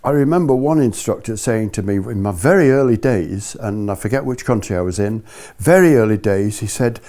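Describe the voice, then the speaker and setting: A man's voice: fairly low pitch, lively intonation, a little fast, dark tone. A British man giving an informal spoken lesson as a ski instructor, chatty and explanatory, checking in with his listeners.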